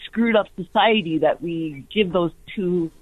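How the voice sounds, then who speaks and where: A woman's voice: fairly low pitch, a little slow, no room sound. A woman calling in to a radio show over a phone line, talking earnestly and with some indignation. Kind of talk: call-in radio talk. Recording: tinny dry phone line.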